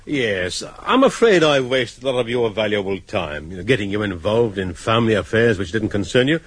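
An affable, well-to-do gentleman in a radio drama. His husky voice has lively intonation, recorded dry. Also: fairly low pitch, brisk, no echo. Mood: apologetic.

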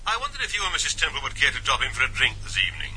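A cheerful, courteous gentleman in a radio drama. He talks quickly in a very bright, forceful voice through a tinny telephone filter with faint noise. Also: mid-range voice, very animated. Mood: cheerful, polite.

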